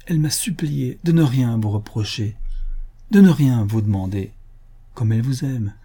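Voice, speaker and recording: A man reading the part of a gentle older mother, a countess, pleading affectionately with her future son-in-law. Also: mid-range voice, husky, close to an everyday voice. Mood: worried. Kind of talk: audiobook character reading.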